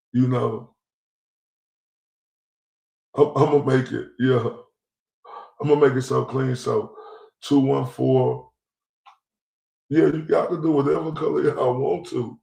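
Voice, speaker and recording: This Dallas, Texas man rants bluntly, with plenty of profanity, as host of a livestream commentary on YouTube. His medium-pitched voice is warm and gravelly, slow, with little pitch movement and long pauses. The room gives off a lot of echo.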